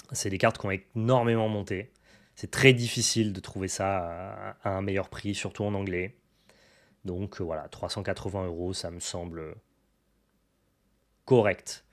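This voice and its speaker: A young adult man showing off his card purchases in a casual, enthusiastic chat to the camera. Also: lowish voice. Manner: enthusiastic, chatty, many fillers and restarts. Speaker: card collecting YouTuber.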